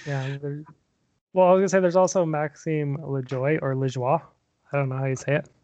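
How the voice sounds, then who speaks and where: A man chatting loosely as a podcast guest, hesitant and quick to laugh. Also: on the high side, darkish tone, no echo, muffled recording. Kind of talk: casual hockey chat.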